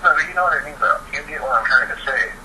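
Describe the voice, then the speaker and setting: In a casual phone chat, a young man in his teens or early twenties talks rapid-fire in a rather high, pushed, bright voice, eagerly explaining his opinions. The call recording is noisy and sounds distant.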